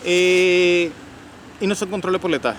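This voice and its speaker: Higher-pitched Cuban man speaking accented, halting French. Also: fairly even intonation, a bit bright. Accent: Cuban Spanish accent in French. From Cuba. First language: Spanish. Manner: halting non-native French, repeating words emphatically. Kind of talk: casual street discussion. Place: outdoors in a city. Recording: noisy outdoor urban street with traffic.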